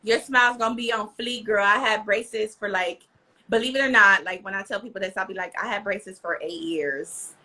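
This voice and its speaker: A woman's voice: mid-range voice, fairly even intonation, fairly quick, sharp tone. An American woman hosting a casual live interview with slangy, effusive hype. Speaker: host.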